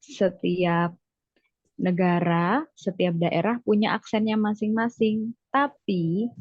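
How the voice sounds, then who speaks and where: A woman teaches English one-on-one over a video call, speaking slowly and patiently. She mixes English words into her explanations and keeps encouraging her student. The call audio sounds muffled and dry. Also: mid-range voice, a little mellow, dry recording. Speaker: English tutor. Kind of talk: online one-on-one English lesson.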